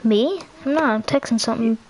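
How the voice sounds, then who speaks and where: A woman's voice: on the high side, a little fast, darkish tone, slight background noise, poor audio. A woman hosting a small channel, rambling in casual chat, swearing often and groping for words. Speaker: channel host. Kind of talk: casual chat while texting.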